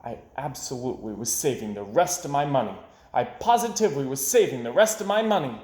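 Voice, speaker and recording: A man voicing a dramatic, hard-done-by young boy in an expressive storybook read-aloud, theatrical and emphatic. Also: medium pitch, a little fast, reverberant, close to an everyday voice. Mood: insistent. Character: young boy, dramatic, aggrieved, forever losing his money.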